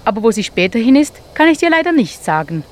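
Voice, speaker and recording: A woman voicing a wise, calm male owl who gently gives advice in a told animal story. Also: on the high side, fast talker, a little hiss or hum, pitched above the performer's own voice. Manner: gentle, advising.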